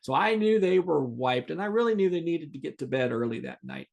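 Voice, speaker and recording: Gravelly-voiced man telling a teaching story. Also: fairly high pitch, brisk. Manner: earnest, animated storyteller with restarts. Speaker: podcast host.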